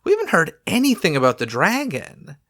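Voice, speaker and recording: A man's voice: on the high side, huge pitch swings, a bit bright. Chatty man co-hosting a casual podcast. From Southern California. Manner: chatty, quick asides, laughs easily. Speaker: podcast co-host.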